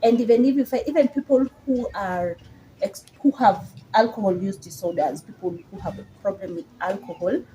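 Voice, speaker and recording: A woman's voice: medium pitch, moderate pace, warm tone, slight background noise, poor audio. A woman with a Kenyan accent explaining things in casual conversation as a psychologist, with emphatic repetition. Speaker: psychologist guest.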